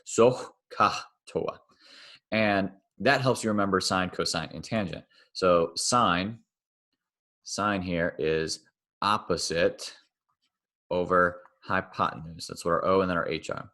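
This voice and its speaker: Deep-voiced guy teaching math online, laid back, fixes his own slips as he goes. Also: fairly even intonation, unhurried, sharp tone. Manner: casual, self-correcting, thinks aloud while drawing. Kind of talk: recorded online math lecture.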